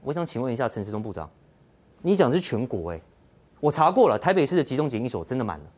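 A man's voice: medium pitch, big pitch swings, fast, darkish tone. A man with a Taiwanese Mandarin accent hosting a political talk show, ranting sarcastically and firing mocking rhetorical questions. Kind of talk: heated political commentary.

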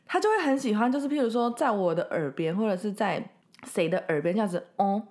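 A woman's voice: mid-range voice, quick pace. A young woman, co-hosting a casual chat and telling a funny story with quoted voices. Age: young adult. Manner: animated storytelling with frequent laughter and quoted voices.

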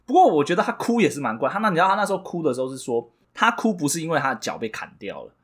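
A man's voice: on the high side, very animated, very fast, breathy edge. A man with a Taiwanese Mandarin accent co-hosting a podcast, telling a story animatedly and jokingly, stumbling over restarts. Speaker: podcast co-host. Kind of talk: casual comedic chat.

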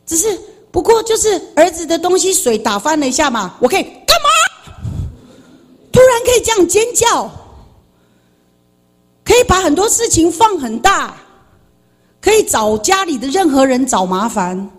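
A middle-aged woman giving a personal testimony in church, telling her story animatedly, now loud and now quietly confiding. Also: very high-pitched, moderate pace. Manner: animated, swings between loud outbursts and quiet confession. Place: church sanctuary.

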